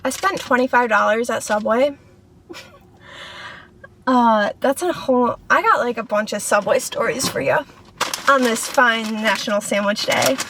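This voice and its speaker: A young woman with a bright, high voice talks in a loose, rambling way, often laughing at herself. She sits in her parked car and films a casual food vlog, with the camera on a tripod in the window. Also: unhurried, noisy background. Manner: chatty, rambling, self-deprecating. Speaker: food vlogger. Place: inside a parked car in a store parking lot.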